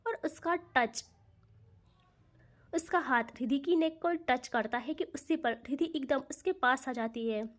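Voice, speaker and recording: A woman telling a romantic love story aloud, with a high voice. She narrates softly, with emotion and dramatic flair. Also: takes it slowly.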